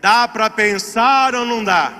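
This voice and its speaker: A man's voice: high voice, unhurried, background noise. A man preaching a sermon, telling a comic story and acting out the scenes, recorded in an echoey hall. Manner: animated, comic, acts out scenes.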